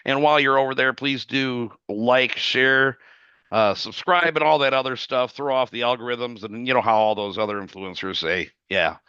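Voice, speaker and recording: A man with a raspy voice hosting a weekly video-call livestream, opening the show in a casual, chatty way. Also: medium pitch, bright, forceful tone, dry recording, highs cut off. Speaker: livestream host.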